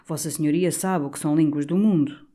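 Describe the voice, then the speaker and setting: A man's voice: fairly high pitch, steady tone, brisk, warm tone, close to an everyday voice. A woman voicing a servile, envious male assistant priest, speaking timidly and deferentially.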